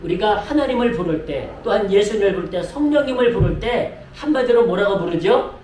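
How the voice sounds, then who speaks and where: A man's voice: high-pitched, animated, fairly quick, darkish tone, slight background noise. A man preaching a sermon as pastor, speaking to his congregation with lots of repetition and direct appeals. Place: church sanctuary. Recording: echoey room mic from a distance.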